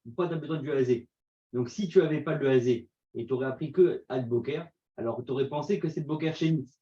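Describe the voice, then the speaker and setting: A man's voice: medium pitch, a little fast, mellow, highs cut off. A man in a Talmud class explaining a point, hesitant and repeating himself as he reasons aloud. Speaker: student. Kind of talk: classroom discussion.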